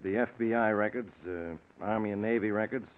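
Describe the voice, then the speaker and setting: An actor playing a polite, unhurried police inspector in an old radio thriller. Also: male voice, lowish voice, steady tone, a little hiss or hum, close to an everyday voice. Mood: calm, courteous. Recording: tinny, narrow old radio recording.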